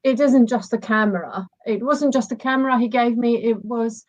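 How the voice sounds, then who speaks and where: A woman's voice: fairly high pitch, moderate pace, no echo, muffled recording. A woman from the Republic, a guest photographer speaking in a reflective, hesitant way with many fillers. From Czech Republic. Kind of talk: casual interview.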